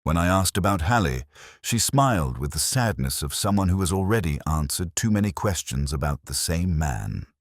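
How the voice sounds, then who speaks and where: In a dry, close audio-drama recording with no room sound, a man with an extremely low voice narrates as a weary, introspective, middle-aged English police inspector. His delivery is literary, measured, reflective and wry, yet very animated, with wide melodic swings in pitch.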